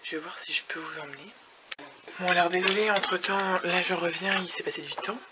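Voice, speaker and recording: A woman's voice: on the low side, brisk, heavy background noise. A woman vlogging from her hotel room in a chatty, rambling way, scattering English words through her talk and sometimes dropping to a whisper. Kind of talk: casual vlog chat.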